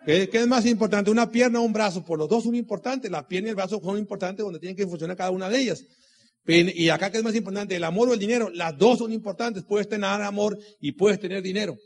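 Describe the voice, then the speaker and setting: Speaking fast in a husky, high-pitched voice, a motivational speaker at a business meeting lectures a live audience. His preachy style relies on rhetorical questions, repeated key lines and anecdotes from his own experience.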